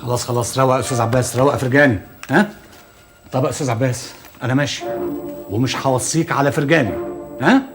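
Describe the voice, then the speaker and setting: An actor with an Egyptian accent, playing a friend who soothes two quarreling men in a TV drama. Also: male voice, medium pitch, racing, pauses often, music in the background, close to an everyday voice. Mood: soothing. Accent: Egyptian Arabic. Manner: soothing, placating.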